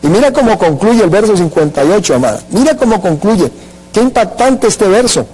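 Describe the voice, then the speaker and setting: A man's voice: high voice, sing-song, brisk, dark tone, slightly rough, rough recording. A man preaching a Pentecostal sermon, emphatic and calling on the congregation to repeat after him and answer his questions. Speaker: pastor.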